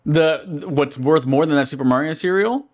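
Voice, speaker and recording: A man's voice: a little high, normal speed. A man co-hosting a podcast in casual conversation, telling stories and swearing freely. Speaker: podcast co-host. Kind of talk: casual chat.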